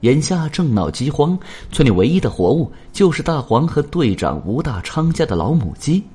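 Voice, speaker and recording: A man's voice: fairly high pitch, big pitch swings, normal speed, warm tone, breathy edge. A man narrating a story expressively, shifting into voices for the characters.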